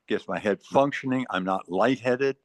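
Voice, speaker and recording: An eighty-five-year-old man in casual group chat, speaking haltingly with repeated words while earnestly giving advice. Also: fairly low pitch, dry recording. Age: 80s. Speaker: meeting participant. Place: retirement community.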